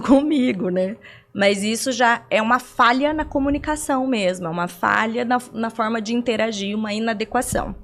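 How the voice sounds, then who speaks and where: Her pitch is medium. She's a young adult from Brazil being interviewed on a podcast, giving long explanations peppered with rhetorical questions and examples from daily life.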